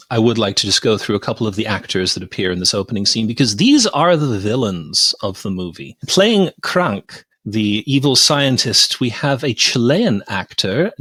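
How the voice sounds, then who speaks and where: A man's voice: medium pitch, no echo. A man in a mid-range voice hosts a movie podcast, walking through a scene with amused energy and small laughs. The sound is dry and close to the mic. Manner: animated storyteller, recaps scenes with amused laughs. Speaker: podcast host. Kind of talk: casual film review chat.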